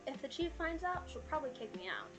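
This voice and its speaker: A woman's voice: high-pitched, big pitch swings, quick pace, music in the background, voice pushed up. A woman reading an earnest aspiring novelist's lines from a visual novel game aloud, with amateur, stagey acting. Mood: confiding, worried.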